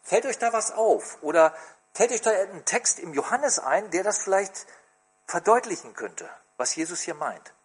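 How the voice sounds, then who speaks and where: Lively, husky-voiced male preacher. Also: high-pitched, normal speed. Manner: expressive, asks the congregation questions. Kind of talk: sermon.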